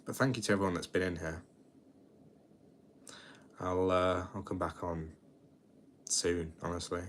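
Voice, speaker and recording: Very low-voiced young British man. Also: fairly even intonation, a little slow, slight background noise. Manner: chatty, rambling, low-key, often restarts sentences. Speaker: livestream host. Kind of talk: casual late-night livestream chat.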